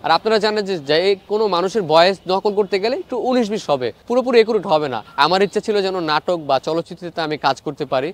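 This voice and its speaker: A young man from Bangladesh talks earnestly as an interviewee. His voice sits high and his tone stays reflective and moralizing. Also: animated, fast, few pauses. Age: young adult. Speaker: interviewee, mimicry artist. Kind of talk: reflective talking to camera.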